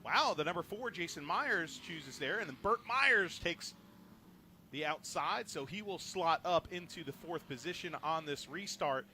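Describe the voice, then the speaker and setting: A male race commentator with a bright, forceful tone and a slightly higher pitch calls the action from a trackside booth. His voice jumps up and gets louder on green flags and wrecks, then drops back into relaxed joking. Faint track ambience and engine noise sit underneath. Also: a little slow. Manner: rises sharply in pitch and volume on restarts and wrecks, joking banter between calls. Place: announcer booth at a racetrack.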